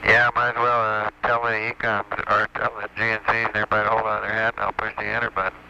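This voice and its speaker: An astronaut speaking over a crackly headset radio link to ground control, measured, dry and level. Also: male voice, fairly low pitch, monotone, gravelly. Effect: crackly headset radio transmission. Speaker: astronaut in the spacecraft. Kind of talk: air-to-ground radio exchange. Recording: muffled radio link with static.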